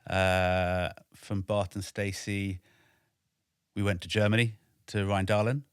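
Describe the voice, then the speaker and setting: Low-pitched man in his forties, measured guest, dry close sound. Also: little pitch movement, smooth, no echo. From Wales. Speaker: podcast guest, army veteran. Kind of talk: casual interview. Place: home studio in a flat.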